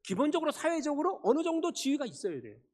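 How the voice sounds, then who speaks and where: A male pastor preaching a Sunday sermon, firing rhetorical questions at the congregation and swinging between loud emphasis and quiet asides. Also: very high voice, huge pitch swings, fast. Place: church sanctuary. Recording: long church reverb.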